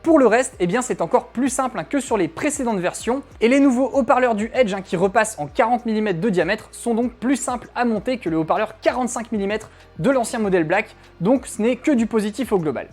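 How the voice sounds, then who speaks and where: Faint music sits behind a woman reviewer narrating a scripted product test. Her voice is a little high, expressive, brisk and slightly mellow, and she keeps things informal and conversational with plenty of tag words.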